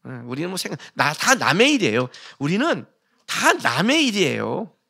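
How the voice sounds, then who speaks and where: A middle-aged man preaching a sermon in a church, in a lively conversational way, acting out quotes. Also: high-pitched, normal speed, creaky, husky. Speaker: pastor. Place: church sanctuary.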